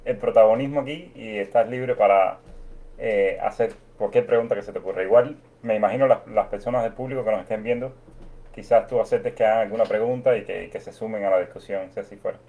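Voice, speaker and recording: A man from Cuba, host of his own channel, being interviewed and telling his story in an unhurried, reflective way. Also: on the low side, warm tone, muffled recording. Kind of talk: casual conversation.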